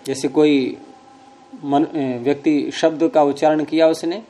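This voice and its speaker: A man teaching a grammar class, explaining rules patiently, quizzing students with questions and teasing them gently. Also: on the high side, steady tone, a little slow.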